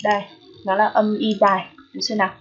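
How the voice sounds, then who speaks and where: Husky Vietnamese woman teaching English. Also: mid-range voice, flat delivery, fairly bright tone, highs cut off. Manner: checks in with listeners often; repeats each word slowly. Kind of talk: phonetics lesson.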